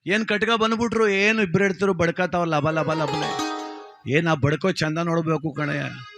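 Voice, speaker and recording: A man telling a comic folk tale in a lively, animated, village-style way. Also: fairly high pitch, moderate pace, gravelly, over music. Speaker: storyteller.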